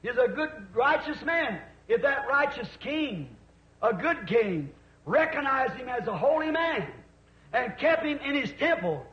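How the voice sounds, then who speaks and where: A man's voice: extremely high pitch, very animated, slow. A man preaching fervently, rising at times to cries, on an old sermon recording. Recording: echoey dull archive tape.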